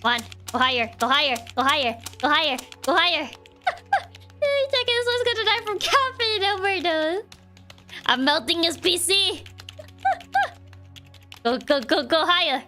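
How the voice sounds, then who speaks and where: A woman's voice: extremely high pitch, sing-song, measured pace, long pauses, sharp tone, faint music behind. A woman streaming a game, casually and playfully thinking aloud and talking to the game as she plays. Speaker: gaming streamer. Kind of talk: casual commentary while playing a game.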